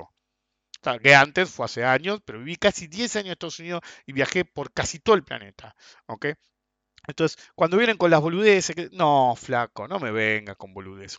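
Argentine man, blunt casual ranter with crude slang; forceful bright tone, dull lo-fi capture. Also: mid-range voice, no echo. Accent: Argentine Spanish. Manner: blunt and crude, tags sentences with "ok?" and "viste?". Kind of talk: casual ranting monologue. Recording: dull, lo-fi and dry.

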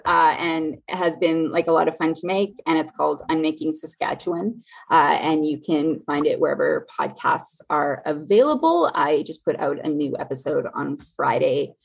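A woman hosting a podcast in casual conversation. Her voice is slightly rough and husky, with a lot of melodic movement. She talks in a jokey, rambling way. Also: low-pitched, low-quality recording. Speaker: podcast host. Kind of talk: casual chat.

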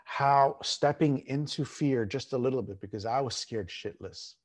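A man speaking informally and candidly as a coach, giving an emphatic motivational talk with repeated phrases and slowed, stressed words. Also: medium pitch, a little mellow. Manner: informal, candid, mildly crude. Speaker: fitness and mindset coach, show host.

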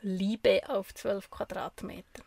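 Woman podcast host with gravelly fry. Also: mid-range voice, fairly even intonation, slow pace, mellow, no echo. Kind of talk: casual podcast chat. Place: small camper van used as studio.

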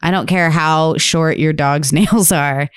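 Woman podcast co-host, low-ish smooth voice, dry close sound, chatty and laughing. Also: fairly even intonation, slow, no room sound. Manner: chatty, laughs often, says y'all. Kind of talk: casual chat.

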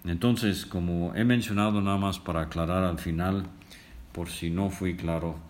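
An older man teaching a Bible study, reading scripture slowly and pausing often with fillers as he explains it. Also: low voice, fairly even intonation, a little mellow. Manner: slow, deliberate reading with frequent filler pauses. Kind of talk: unhurried Bible study commentary.

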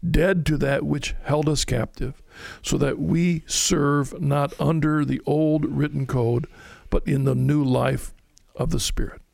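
Male bible teacher, slightly high gravelly voice, dry close sound, explains and reads verses aloud. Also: steady tone, slow pace, darkish tone, no echo. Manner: explanatory, reads scripture aloud, stumbles over words at times. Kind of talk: conversational Bible study teaching.

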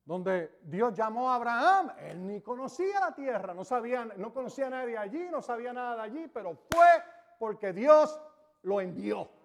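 A man's voice: very high voice, sing-song, fairly quick, few pauses. A man preaching a sermon to a congregation, emphatic, drawing out key words and checking that his listeners are following. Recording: long reverb of a large hall.

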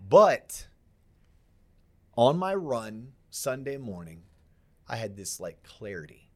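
A middle-aged American man hosting a podcast in casual, animated conversation. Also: mid-range voice, takes it slowly. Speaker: podcast host.

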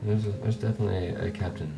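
A man's voice: low voice, steady tone, rapid-fire, gravelly, far from the mic, a crowd in the background. A man running a tabletop game as game master, casually describing the world and voicing characters, laughing often.

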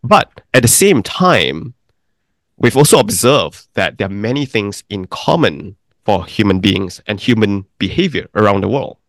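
A middle-aged man from Malaysia answers interview questions in a calm, deliberate way, listing his points in careful order. His voice sits fairly low. The sound is dry and close, with almost no room echo. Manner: deliberate, explanatory, lists points in sequence. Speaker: investment firm founder, guest.

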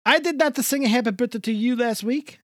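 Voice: medium pitch, big pitch swings, brisk, dry recording, clean studio sound, lightly acted. A radio co-host voicing a jovial, pushy older Italian-American man who stuffs "a" before every noun and mangles Italian food names. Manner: exaggerated sing-song swoops. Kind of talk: comedic bit in a radio show.

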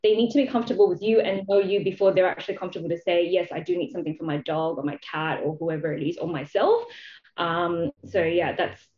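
A Malaysian woman, a charity founder appearing as an interview guest, casually explains her experience and keeps slipping in "you know." Her voice sits on the low side and is expressive, and she talks fast. The recording sounds dull, roomy and echoey.

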